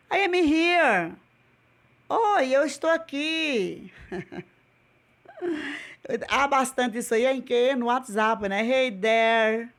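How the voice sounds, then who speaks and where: With a voice on the high side and a fairly bright tone, a Brazilian Portuguese–accented woman teaches English in a video lesson online. Patiently, she repeats each word and quizzes the class.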